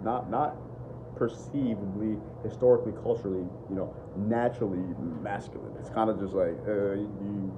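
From his living room, a young man with a deep voice speaks casually and without a script to his phone camera at arm's length. A vlogger on dating and self-improvement, he's blunt and foul-mouthed, with "bro" and "bottom line" on repeat. It has phone-quality sound and a noisy background.

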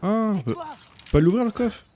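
A man's voice: high voice, big pitch swings, normal speed, background noise. A man hosting a gaming video, commenting casually and thinking aloud as he plays. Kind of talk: casual let's play commentary.

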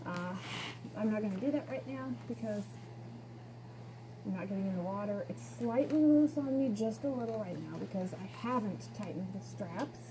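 A chatty, candid woman speaks through a full face snorkel mask that muffles her voice. Her pitch sits in a middle range. A clear noise hiss runs under her home recording. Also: lively intonation, moderate pace. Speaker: product reviewer. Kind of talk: casual product review.

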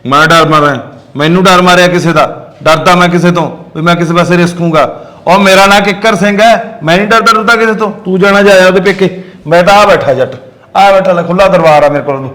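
An actor with a Punjabi accent playing a boastful, scheming village husband who brags loudly and mocks his wife. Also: a little high, fairly even intonation, fast. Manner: swaggering, loud boasts, mocking. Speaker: actor in a short film. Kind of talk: village drama acting.

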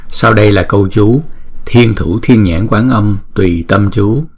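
A man with a fairly low voice leads a patient pronunciation lesson. He breaks each word into sounds and says them again and again, slow and clear, like a teacher showing a class. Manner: patient, repeats each sound slowly to demonstrate; chants the mantra slowly and drawn out.

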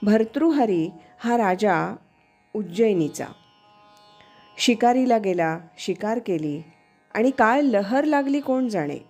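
A woman giving a religious discourse, telling a traditional story in a measured, expressive way. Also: mid-range voice, faint music behind. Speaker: spiritual discourse speaker.

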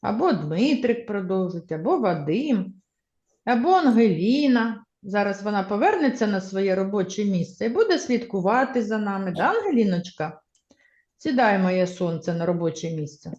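Animated woman teacher in echoey classroom. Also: medium pitch, moderate pace. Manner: encouraging, leads class in choral repetition. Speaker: primary school teacher. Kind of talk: classroom reading lesson. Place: school classroom with children. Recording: echoey classroom, slightly dull sound.

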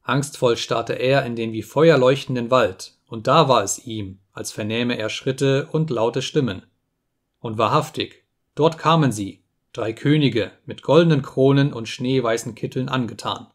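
A man with a medium-pitched voice reads a story aloud as an audiobook narrator. He is calm and measured, slowing down on solemn phrases.

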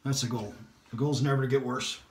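A man's voice: mid-range voice, steady tone, brisk. A man chatting casually while he shaves, rambling and poking fun at himself, sometimes sliding into a whisper. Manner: rambling and self-deprecating, drops to whispers at times. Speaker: shaving vlogger. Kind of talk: casual narration while shaving. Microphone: phone or camera on a holder. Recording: roomy home recording.

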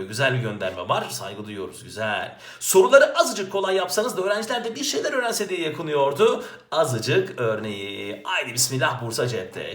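A man working through exam grammar questions as a teacher, asking questions and answering them himself in a lively way. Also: high-pitched. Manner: lively, talks to himself, asks and answers his own questions. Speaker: Turkish language teacher. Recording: roomy echo.

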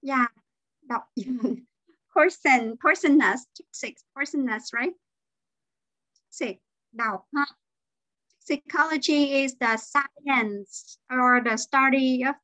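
High-voiced woman teaching a slow class. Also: fairly bright tone, dry recording, highs cut off. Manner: drills pronunciation, mixes English terms into explanations. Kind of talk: online class instruction.

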